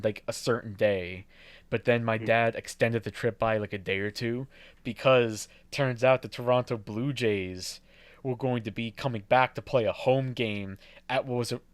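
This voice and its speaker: A man's voice: medium pitch, dry recording. A young man co-hosting a podcast, chatting casually, rambling, swearing and laughing often. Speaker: podcast co-host. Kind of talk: casual chat.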